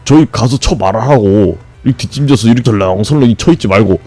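A man streaming a game, grumbling and swearing at it, then breaking into sudden high shouts. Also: fast talker, faint music behind. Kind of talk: frustrated live gameplay commentary.

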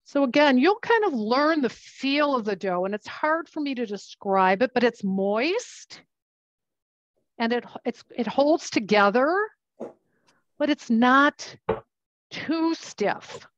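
Speaking slowly with a high, lively voice, a woman leads a hands-on cooking demonstration, talking through each step as she goes. The sound is lo-fi but echo-free.

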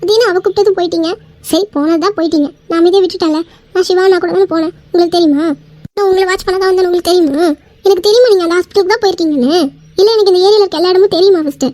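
A woman voicing an angry, hurt young wife in a cartoon skit, scolding with quick indignant retorts. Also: very high-pitched, mellow.

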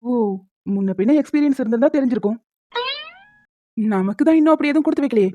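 A woman voicing a young cartoon husband who bickers and protests loudly. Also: high voice, expressive, fast, no echo. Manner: loud protesting outbursts. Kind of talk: Tamil cartoon dubbing. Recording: tinny phone-like, dry.

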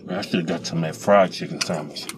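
A man's voice: deep voice, fast, background noise. Man talking with mouth full of food. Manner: relaxed, savoring, repeats phrases. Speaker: food reviewer. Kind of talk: casual chat while eating.

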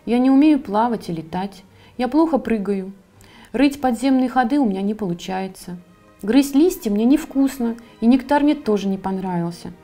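A woman's voice: fairly high pitch, lively intonation, moderate pace, dark tone, soft background music. Woman voicing little self-doubting forest creature. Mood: plaintive. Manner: plaintive, worried. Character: small timid female forest creature, gloomy, self-doubting.

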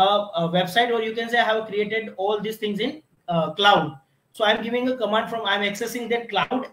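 A man's voice: sits high, fairly bright tone. A man teaching a technical lab demonstration, explaining step by step with frequent restarts and repeated "you can see". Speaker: instructor. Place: automation lab with equipment. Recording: echoey room.

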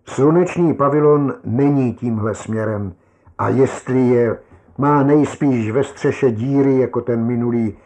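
A man's voice: mid-range voice, warm tone, natural voice. A man voicing a weary, grim soldier stranded in endless rain, speaking bluntly and with bitter resignation.

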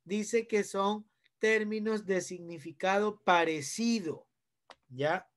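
High-voiced Ecuadorian man teaching a class. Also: slow. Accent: Ecuadorian Spanish. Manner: explanatory, asks students questions. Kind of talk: online class lesson.

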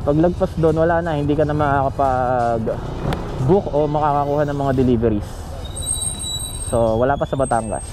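A man's voice: mid-range voice, moderate pace, music in the background, poor audio. A man talking casually while riding a motorcycle through town, answering viewer questions with frequent tag questions. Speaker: motovlogger and delivery rider. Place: outdoors on a motorcycle in town streets.

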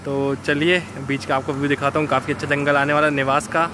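A man talks his viewers through a drive in a relaxed, chatty way, his voice staying flat and even. The road and engine noise of the car comes through clearly behind him. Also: on the high side, fast. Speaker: vlogger. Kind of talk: casual travel vlog. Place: inside a moving car.

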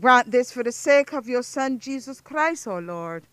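A woman officiating a burial at a graveside outdoors, reading the funeral liturgy in a measured, solemn recitation. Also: on the high side, lively intonation, fairly bright tone, clear, resonant tone, no room sound.

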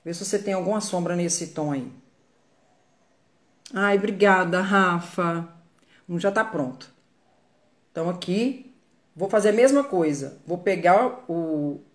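A Brazilian woman giving a live makeup tutorial from her phone, chatty and greeting viewers by name as she works. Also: lowish voice. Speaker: makeup artist.

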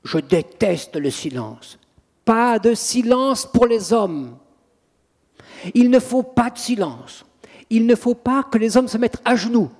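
Man doing a hateful demon, insistent and declaiming, husky and high, hall echo. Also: very animated, measured pace, a little mellow, exaggerated voice. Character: hateful male demon, contemptuous and loud. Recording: long reverb of a hall.

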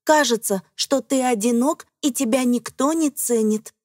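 Narrating a children's learning cartoon, a woman speaks in a high, slightly mellow voice, unhurried as she explains things plainly from her script. Faint background noise runs underneath.

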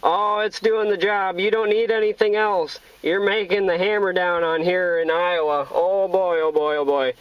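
Chatting in CB lingo from inside a vehicle that's parked or moving, this American radio operator is casual, folksy and jovial. His voice sits high, with fairly even intonation, a moderate pace and hardly any pauses, over a little hiss or hum and dull, lo-fi in-vehicle sound.

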